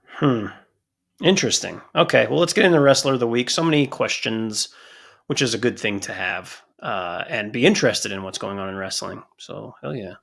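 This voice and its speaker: A man's voice: on the low side, normal speed, vocal fry, a bit bright. A man co-hosting a podcast in casual chat, blunt and swearing freely, often cutting in over his co-host.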